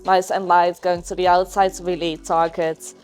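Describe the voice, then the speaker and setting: A woman's voice: lowish voice, little pitch movement, normal speed, a little mellow, clean tone, faint music behind. A woman giving casual, encouraging workout instruction as an athlete and coach, explaining each step inside a gym. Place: indoor gym. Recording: noisy gym background.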